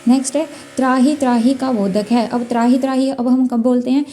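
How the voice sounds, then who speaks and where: A woman's voice: high-pitched, steady tone, fairly quick, dark tone, a little hiss or hum. A woman teaching a Hindi exam-prep lesson, going through questions one by one, repeating key words and sounding out letters as she explains.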